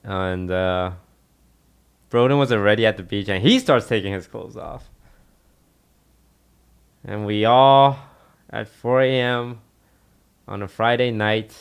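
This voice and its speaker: A young man on a podcast telling a story in a relaxed, rambling way, full of fillers. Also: lowish voice, takes it slowly, pauses often, smooth. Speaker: podcast co-host. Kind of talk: casual storytelling.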